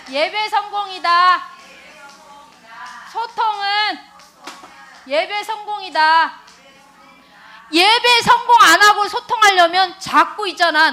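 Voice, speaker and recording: A woman giving a sermon to young children, telling a lively personal story, prompting them to repeat after her and laughing along the way. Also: very high-pitched. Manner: animated storytelling with many tag questions to the children; laughs while telling stories. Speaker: children's worship preacher. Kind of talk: children's sermon with call-and-response.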